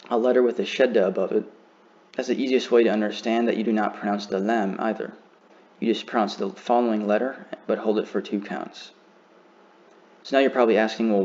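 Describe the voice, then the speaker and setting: A man teaching a beginner lesson, slowly and carefully demonstrating how each word is pronounced. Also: fairly low pitch, creaky, darkish tone, dull audio. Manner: slow, careful demonstration of pronunciation.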